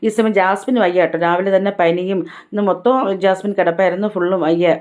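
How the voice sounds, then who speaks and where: A woman's voice: on the low side, steady tone, quick pace, darkish tone, lo-fi sound. A woman vlogger giving a chatty, casual recap of a reality show episode, retelling who said what. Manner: chatty, tag-heavy retelling.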